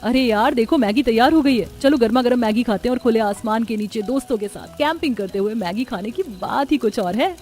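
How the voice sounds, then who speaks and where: A woman's voice: fairly high pitch, fairly quick, hardly any pauses, soft background music, lightly acted. A woman playing a jittery young camper girl. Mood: chatty. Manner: excitable, anxious. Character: frightened young woman camping with friends. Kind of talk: cartoon voice acting.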